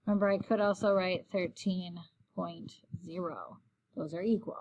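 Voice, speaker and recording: A woman's voice: fairly low pitch, steady tone, moderate pace, a little mellow, highs cut off. A woman teacher walking through a recorded math lesson, explaining each step in a friendly, patient way.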